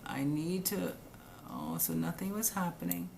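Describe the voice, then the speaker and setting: Somewhat slow, creaky and a little mellow, this woman's lowish voice comes through a webcam or phone on a live stream with slight background noise. She's explaining immigration rules casually in reply to comments, chatty, blunt and scolding, addressing everyone as guys.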